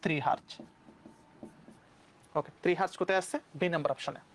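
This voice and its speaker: A young man from Bangladesh with a Bangladeshi Bengali accent, teaching physics exam questions briskly and mixing English terms into his speech. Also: high-pitched, fairly even intonation, slight background noise. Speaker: physics tutor. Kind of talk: exam-prep lesson.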